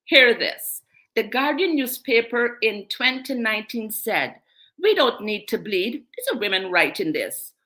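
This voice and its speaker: Her voice sits on the high side, bright and pushed, with lively intonation and a slightly slow pace. This menstrual wellness coach, English-born and Guyana-raised, hosts an online group and drives her points home by repeating key phrases with emphasis.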